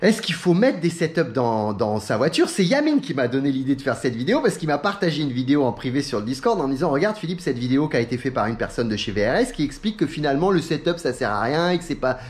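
A man's voice: mid-range voice, fast, few pauses. A middle-aged man from France chatting casually as a sim racing YouTuber, telling stories, acting out what others said and laughing often. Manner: chatty, animated storytelling, acts out quotes, laughs often. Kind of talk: casual talking-head chat.

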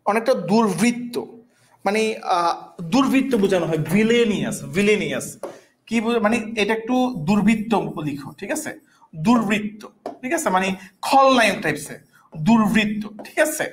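A woman's voice: medium pitch, animated, moderate pace, a little hiss or hum. A woman teaching a vocabulary class, repeating each word and often checking that students understand. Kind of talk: online class lesson.

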